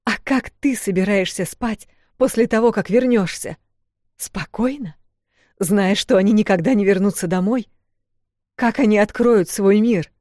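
A woman voicing a defiant, stubborn young sister who protests in a high, strained voice. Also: unhurried, long pauses, mellow, no room sound, clean studio sound.

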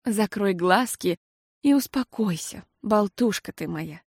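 A woman's voice: mid-range voice, animated, no echo, clean studio sound. Woman as a soothing tired mother. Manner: slow and soothing. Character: patient, tired mother soothing her daughter.

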